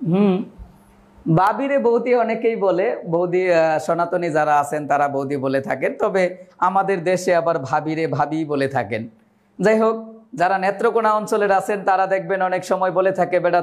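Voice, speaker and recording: Young man, high-pitched, teacher, online exam-prep class, chatty, joking. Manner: chatty and joking, recites verses slowly.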